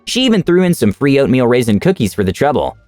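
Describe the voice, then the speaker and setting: A man narrates online stories in an expressive, lively read with very animated pitch. His voice is close and dry, with faint music underneath. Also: quick pace, no echo. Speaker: story narrator.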